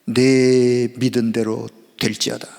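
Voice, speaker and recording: A male preacher voicing Jesus in a sermon, speaking slowly and low with tender authority, in a church sanctuary with a long reverb. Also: little pitch movement, creaky, darkish tone. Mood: solemn. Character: solemn, gentle male Jesus.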